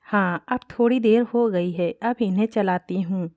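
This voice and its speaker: A woman's voice: mid-range voice, measured pace, a little mellow, no echo, lightly acted. A woman voicing a naive, well-meaning young daughter-in-law in a read-aloud family story. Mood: innocent. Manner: innocent, literal-minded. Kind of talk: storybook character reading.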